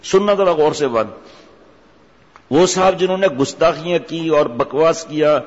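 Man preaching a sermon, emphatic and scolding, rhetorical, fairly high voice, long hall reverb. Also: highs cut off.

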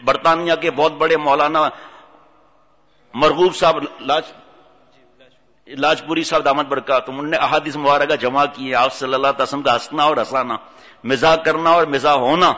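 A man giving a humorous religious sermon, telling stories and acting out the characters in an animated way. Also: a little high. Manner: animated storytelling, acts out voices. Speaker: preacher. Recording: dull audio in long-reverb hall.

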